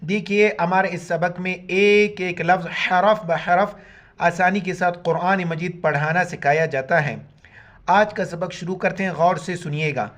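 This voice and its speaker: A man teaching Quran recitation, chanting words letter by letter in slow drawn-out syllables and explaining each rule in quick plain speech. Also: high voice, fairly bright tone. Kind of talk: spelled-out recitation lesson.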